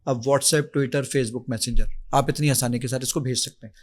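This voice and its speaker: An app founder appears as a podcast guest, demonstrating his app with energy and enthusiasm. His mid-range voice keeps a steady tone while he acts out his own requests along the way.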